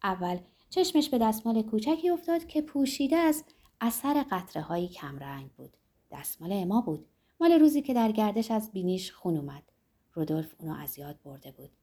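A woman narrating a novel aloud in a calm, expressive storytelling voice. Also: mid-range voice, husky.

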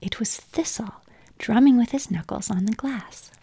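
A woman reads a storybook in a soft, whispered storytelling ASMR style. Her voice is almost all breath, with a gravelly rasp underneath. She keeps a slow, hushed delivery. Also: a little high.

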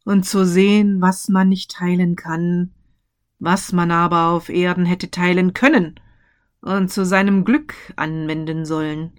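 A woman voicing the mournful ghost of a dead businessman, speaking solemn, slow warnings. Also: fairly low pitch, flat delivery, clear, resonant tone, close to an everyday voice.

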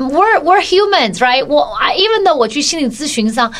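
Brief: high-pitched woman co-hosting a chat show, animated storyteller who code-switches. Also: brisk. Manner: animated storytelling, mixing in English words. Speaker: podcast co-host. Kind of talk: casual chat.

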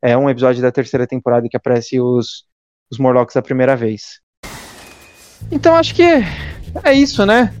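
A man's voice: medium pitch, lively intonation, normal speed, pauses often, darkish tone, dry recording. A man with a Brazilian accent hosting a podcast in a casual, conversational way, often adding tag questions. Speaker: podcast host. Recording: music playing behind the voice. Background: background music.

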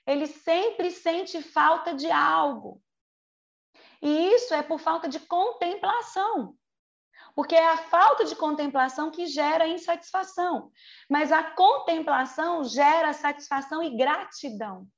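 Captured in lo-fi sound, this sermon comes from a woman preacher in her forties with a Brazilian Portuguese accent and a high voice. She keeps it conversational, drawing out key words, breaking into quick chatty asides, and checking in with her audience through rhetorical questions.

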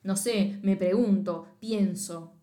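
A woman's voice: mid-range voice, takes it slowly, dark tone. A woman with a Rioplatense Spanish accent co-hosting a podcast, ranting bluntly and swearing freely in casual chat. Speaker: podcast co-host.

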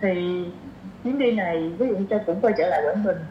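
In a casual conversational interview, a woman with a fairly low pitch speaks briskly with a southern Vietnamese accent. As a podcast guest she explains things in a chatty manner with examples from daily life. The room is echoey, and the audio is muffled with some faint noise.

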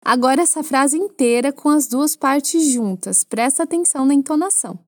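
Brazilian woman, French teacher, high voice, dry close sound, patient and playful. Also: moderate pace, darkish tone, dry recording. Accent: Brazilian Portuguese. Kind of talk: language lesson for Portuguese speakers.

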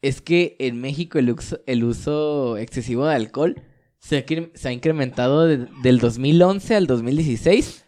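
A man's voice: mid-range voice, moderate pace, dark tone. A man, co-hosting a casual podcast, reading out statistics between crude jokes and laughter. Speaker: podcast co-host.

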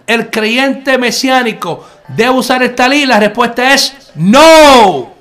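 With an extremely high, somewhat bright voice, a man preaches an online Messianic sermon in a conversational style. Earnestly, he circles back to key phrases and addresses the listener as brother.

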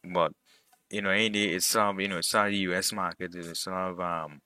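Deep-voiced man, rambling casual vlog talk. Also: level tone, normal speed, bright, forceful tone, no echo. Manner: rambling, heavy on fillers and slang. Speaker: vlogger.

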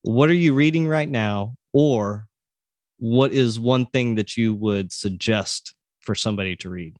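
A man's voice: medium pitch, measured pace, darkish tone, no echo. American man hosting, dry close sound. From Oklahoma, USA. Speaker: podcast host. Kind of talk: casual conversational hosting.

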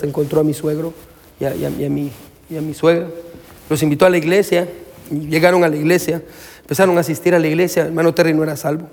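A male pastor preaching a sermon to his congregation. He presses his points emphatically, then slows and softens while telling a personal story. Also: a little high. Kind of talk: Spanish-language sermon. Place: church sanctuary. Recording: long reverb of a large church hall.

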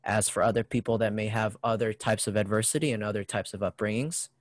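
A man with a fairly low, steady voice talks quickly in an earnest, reflective, conversational way. He often ends his thoughts with a questioning "right?".

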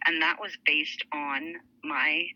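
Telling stories from her life on a podcast, a woman in her forties with roots in Lebanon and Saudi Arabia speaks slowly in a low, sharp voice with fairly even intonation. She's chatty and casual, using fillers and laughing lightly, though the audio is rough.

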